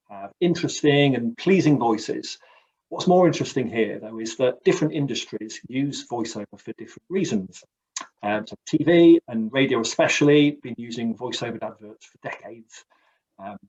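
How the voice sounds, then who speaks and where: A man explains industry points in a measured, unhurried way, with a few ums along the way. His voice sits in the middle range and comes through the slightly dull, lo-fi sound of a video call. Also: mid-range voice. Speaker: webinar co-host. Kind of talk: casual webinar talk.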